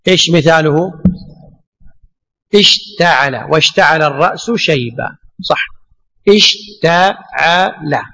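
A man teaches a class in a very high voice, moving step by step through rhetorical questions and repeating each point. His voice rings with a long reverb, as in a lecture hall. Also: a bit bright. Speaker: teacher of Arabic morphology.

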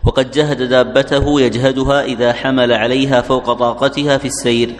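A man reading a classical grammar text aloud, reciting it in a measured way before the teacher. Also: mid-range voice, flat delivery, big-room sound.

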